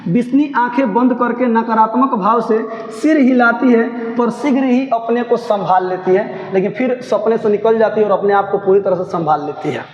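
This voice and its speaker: A man's voice: very high-pitched, moderate pace, darkish tone. A man, a Hindi teacher explaining a play line by line, repeating lines and telling listeners to pay attention. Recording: echoey room, dull lo-fi.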